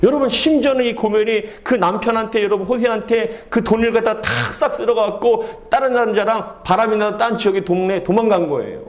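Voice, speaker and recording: A man's voice: high voice, fairly quick, few pauses. A man preaching a sermon as pastor, earnestly addressing his congregation and acting out quoted speech. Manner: acts out quoted speech with dramatic voices. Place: church sanctuary. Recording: echoey church hall.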